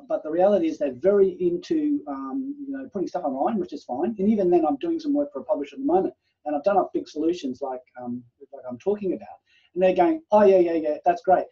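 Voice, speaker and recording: A man's voice: on the high side, sing-song, fast, mellow, breathy edge. Rambling man lecturing over video call. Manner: rambling, chatty explaining with many fillers and acted-out quotes. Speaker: university lecturer. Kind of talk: online class lecture. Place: home room, video call. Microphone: computer microphone on a video call. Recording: muffled video call audio.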